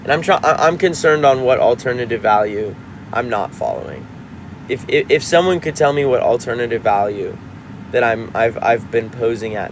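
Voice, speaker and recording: A man's voice: mid-range voice, gravelly, noisy background. A man in his twenties, a musician chatting casually on a livestream, reading out comments and rambling with frequent restarts. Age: 20s.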